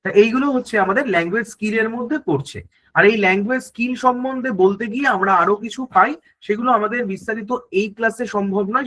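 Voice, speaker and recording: A man's voice: high-pitched, a bit bright, poor audio. A man teaching an online exam-prep class, explaining step by step, asking questions on his students' behalf and answering them, and often checking that they follow.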